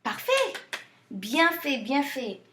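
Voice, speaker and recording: A woman French teacher explaining verbs in English and French, slowly modeling pronunciation with playful asides. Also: sits high, lively intonation, sharp tone, roomy sound. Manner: slow, drawn-out model pronunciation. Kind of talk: bilingual French lesson.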